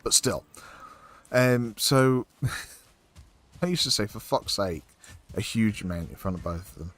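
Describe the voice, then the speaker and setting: A man's voice: fairly low pitch, animated, a little slow, a bit bright. A man streaming a game, chatting casually in a rambling way, swearing often and filling gaps with ums and likes. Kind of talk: casual chat while playing a game.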